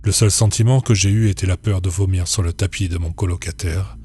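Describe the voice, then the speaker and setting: A man narrates a horror story in a deep, low voice. His tone is dark and mellow, and his delivery stays steady and measured throughout. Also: slight background noise.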